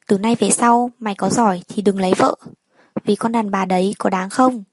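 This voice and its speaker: A woman's voice: mid-range voice, steady tone, normal speed, slightly rough, no echo, natural voice. A woman reading the part of a wealthy older mother who scolds and pleads with her sons. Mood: bitter.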